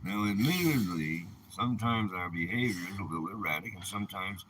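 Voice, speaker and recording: This seventy-something vlogger is animated and fairly quick as he rants about a personal grievance, emphatic, indignant and leaning on rhetorical questions. His voice is low-pitched and a bit bright, with slight background noise.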